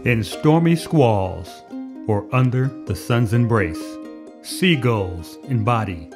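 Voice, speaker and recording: A man reciting a short ode in a slow, solemn, lowered voice over music. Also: lively intonation. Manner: slow and solemn, dropping low. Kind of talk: slow, lofty poetic recitation.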